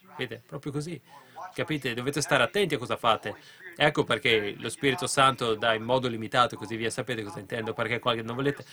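Bright-voiced fervent male preacher. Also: mid-range voice. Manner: fervent, rising to shouts and dropping to quiet asides; keeps asking the congregation "capite?". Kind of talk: sermon.

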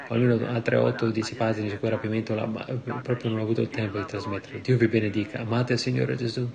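A man's voice: lowish voice, gravelly. A man preaching a fervent, impassioned sermon to a congregation.

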